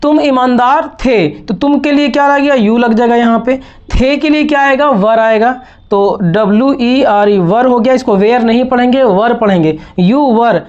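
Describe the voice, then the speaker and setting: Patient Hindi-speaking English teacher, dull audio. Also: male voice, very high-pitched, moderate pace, a little mellow. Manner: explains step by step, repeating words. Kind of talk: spoken language lesson.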